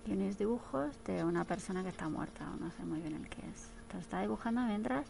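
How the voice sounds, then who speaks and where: A woman's voice: mid-range voice, lively intonation, fast talker, vocal fry. A woman chatting casually while she watches a film, exclaiming and tossing in playful asides. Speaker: film commentator.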